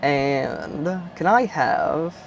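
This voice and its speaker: A man's voice: on the high side, dull audio, very noisy. A man running a tabletop game, narrating scenes with some fillers. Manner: unhurried descriptive narration with fillers. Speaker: game master.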